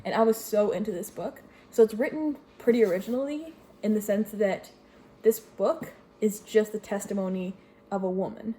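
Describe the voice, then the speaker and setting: A young Greek woman chats casually about books she has read, rambling with fillers and correcting herself as she reviews them at home while a washing machine runs. Her mid-range voice is mellow at normal speed, with slight background noise.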